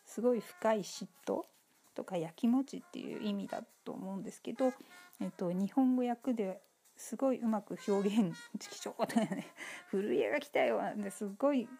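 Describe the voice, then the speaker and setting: A woman giving relaxed, casual spoken commentary on a TV episode, polite and chatty with many fillers. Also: fairly high pitch, creaky.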